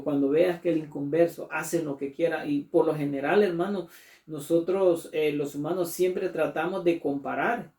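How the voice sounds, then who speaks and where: Male pastor, earnest emphatic sermon delivery; dark gravelly tone, recorded distant in a roomy hall. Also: on the high side. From Latin America. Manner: earnest, slow and emphatic, often addressing listeners as brother. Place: church. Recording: echoey church room from far off.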